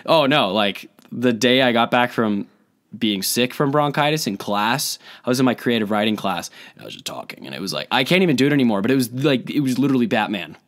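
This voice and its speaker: A young man hosting a casual podcast chat, hoarse from bronchitis, with a low husky voice and a joking, self-deprecating manner. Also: lively intonation, brisk, a bit bright. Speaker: podcast host.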